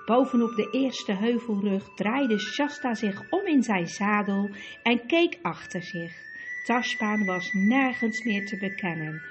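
Slow-reading woman storyteller. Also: medium pitch, over music. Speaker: audiobook narrator. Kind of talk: storybook narration.

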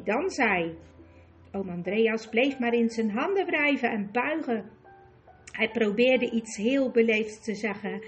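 A woman reads a fantasy story aloud in a calm, even storytelling voice. Her pitch sits a little on the high side. Soft music plays faintly behind her. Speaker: narrator. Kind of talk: audiobook narration.

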